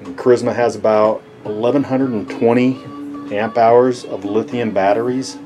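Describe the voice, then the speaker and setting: A man giving a casual walkthrough of his sailboat from behind the camera, relaxed and halting with lots of fillers. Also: mid-range voice, over music. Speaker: boat owner giving a tour. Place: inside a sailboat cabin. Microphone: handheld camera mic, speaker off camera.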